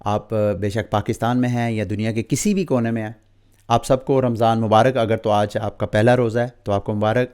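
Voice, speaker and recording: A man's voice: mid-range voice, a little mellow. A man from Pakistan with a Pakistani Urdu accent, hosting a crypto market update and explaining the news straight to his viewers, with English terms mixed in.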